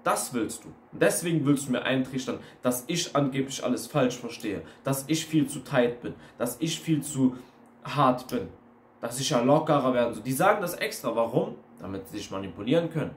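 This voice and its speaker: An online coach delivers a blunt, ranting monologue packed with emphatic repetition in a casual video. His mid-range voice has lively intonation and a moderate pace, recorded in a roomy space with faint noise.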